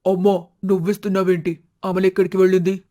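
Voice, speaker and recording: A woman voicing a plain-spoken young husband in an animated storybook, talking in a brusque, matter-of-fact way with a lowered voice. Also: fast, lightly acted.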